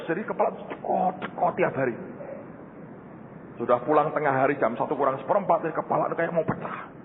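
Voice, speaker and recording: An older male pastor preaches in a high, lively voice that jumps all over its range, joking with the congregation as he goes. The sound comes through a thin, phone-like channel, with long reverb from a large hall and a faint hiss underneath. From Indonesia. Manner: storytelling, joking, addresses the congregation as "saudara". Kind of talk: sermon.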